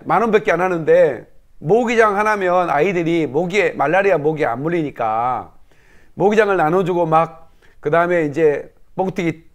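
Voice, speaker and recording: A middle-aged male pastor preaches in a fairly high voice. He prays with fervent, commanding declarations, then slips into a chatty, conversational way of telling his stories to the congregation. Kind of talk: sermon with prayer and personal story.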